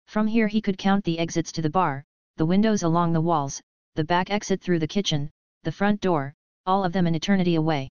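A woman narrating a short story in a steady, scripted read. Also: lowish voice, fairly quick, hardly any pauses, smooth, dry recording, dull audio.

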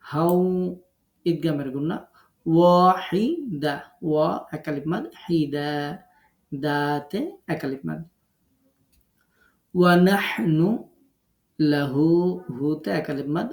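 A man's voice: on the high side, gravelly, darkish tone, roomy sound. A man from Bangladesh teaching an online tajweed lesson as a Quran recitation teacher. He breaks words into syllables and draws out the recited sounds.

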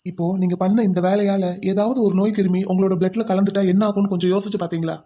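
A woman's voice: medium pitch, steady tone, quick pace, warm tone, lo-fi sound, a little hiss or hum, close to an everyday voice. A woman voicing a stern young husband in a cartoon who lectures and scolds. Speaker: cartoon voice actor. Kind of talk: cartoon voice acting.

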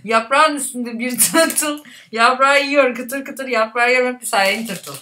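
A woman's voice: sits high, slow, pushed and bright, slight background noise. A young woman reciting a tongue twister with her cheeks stuffed full, muffled and slurred, at home on a webcam. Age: young adult. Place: small room at home.

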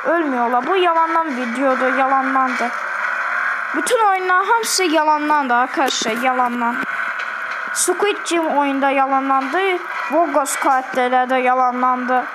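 Woman, Azerbaijani accent, high pitch, repetitive chatty game commentary, noisy recording. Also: measured pace. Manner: repetitive, chatty, keeps addressing viewers. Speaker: gaming video host. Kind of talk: casual gameplay commentary.

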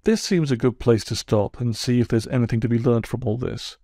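A man as a measured, questioning heron. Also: medium pitch, warm tone, no room sound, studio quality, lightly acted. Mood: probing. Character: calm, probing male heron counsellor.

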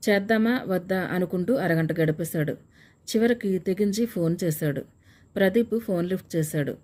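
A woman narrating a story in a calm, steady reading voice. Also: fairly low pitch, normal speed. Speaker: audiobook narrator.

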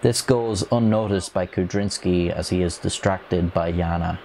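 A young man giving a measured, grave scripted narration of an air disaster, speaking into a lapel mic in a dark studio. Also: deep voice, vocal fry, a little hiss or hum. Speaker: documentary narrator.

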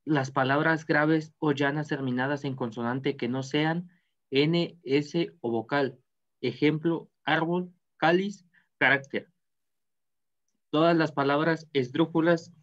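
A man student with a Mexican accent reading spelling rules aloud with measured care in an online class. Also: fairly high pitch. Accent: Mexican Spanish. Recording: dull video call audio.

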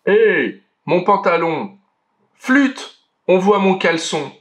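A man voicing a kind, proud male giant in a children's storybook reading, with a slow, sing-song, boasting refrain. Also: medium pitch, fairly bright tone, pitched below the performer's own voice. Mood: dismayed. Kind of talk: storybook read-aloud.

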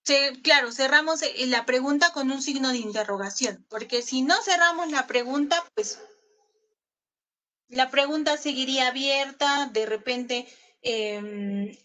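A woman's voice: high-pitched, a little slow, bright, forceful tone. A woman English teacher giving a recorded online class in Spanish, patient, often asking her pupils questions. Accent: Peruvian Spanish.

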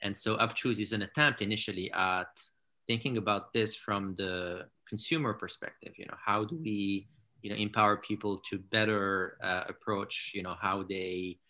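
A man in his thirties from Morocco, a founder talking in a casual interview over a video call from his living room, halting with many fillers and restarts. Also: lowish voice, steady tone, bright, forceful tone. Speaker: founder and CEO, guest. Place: home living room with large window. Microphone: laptop or webcam on a video call.

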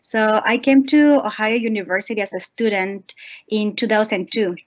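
A woman introduces herself on a panel by webcam. She speaks carefully and repeats a word now and then. Her voice sits mid-pitch, and the call audio is slightly dull. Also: moderate pace. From Mexico. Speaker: panelist, linguistics instructor. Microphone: video call webcam. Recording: muffled video-call audio.

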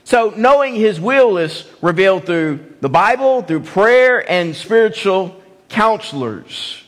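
High-voiced pastor in a reverberant church. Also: male voice, expressive, slow. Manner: emphatic, repeats key phrases, asks the congregation questions. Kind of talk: evening sermon. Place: church sanctuary.

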